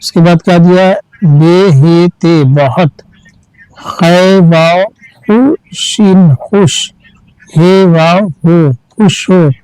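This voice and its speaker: A man teaching reading, spelling each word out letter by letter and then reading it slowly and patiently. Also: high voice, mellow, smooth, no room sound, low-quality recording. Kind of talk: slow letter-by-letter reading lesson.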